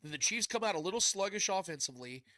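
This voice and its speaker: A man's voice: sits high, animated, quick pace, pushed and bright, no echo. Stuffed-up, nasal man hosting sports talk. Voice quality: congested, nasal stuffed-nose voice. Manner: blunt, mild swearing, chummy slang. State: stuffed up, can't breathe through nose. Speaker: sports show host.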